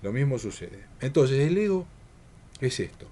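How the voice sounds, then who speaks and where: A man, giving a spiritual workshop talk and speaking in a measured way, repeating his points and asking rhetorical questions. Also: medium pitch, sing-song, mellow.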